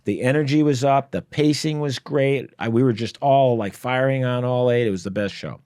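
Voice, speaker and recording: A man's voice: mid-range voice, normal speed, darkish tone, clean tone, no room sound. A man, a guest comedian, telling rambling anecdotes in casual podcast chat, with many fillers and laughs. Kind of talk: casual storytelling. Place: podcast studio.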